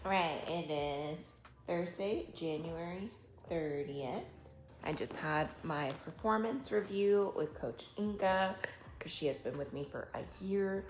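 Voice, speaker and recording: A woman's voice: sits low, slow, faint music behind. A young adult woman vlogging in a chatty, blunt way, swearing freely. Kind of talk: casual vlog chat.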